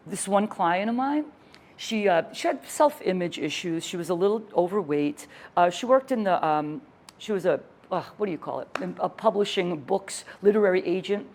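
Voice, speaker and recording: A woman in her sixties leading a workshop for trainers, lively and enthusiastic as she teaches and tells stories. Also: fairly low pitch, normal speed. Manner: energetic, enthusiastic storyteller. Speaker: fitness educator leading a workshop.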